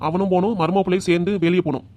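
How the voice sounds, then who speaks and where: Brief: cartoon patriarch, stubborn and commanding, rapid scolding, voiced by a man. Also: high voice, steady tone, mellow, lightly acted. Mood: stern. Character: stern elderly father-in-law, stubborn head of the house. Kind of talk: amateur cartoon voice acting.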